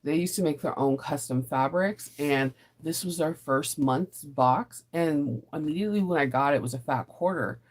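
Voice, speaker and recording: Her voice going raspy from a sinus illness, a woman hosts a casual sewing live stream with low-pitched, rambling, laugh-filled chatter. She talks at a normal speed with few pauses.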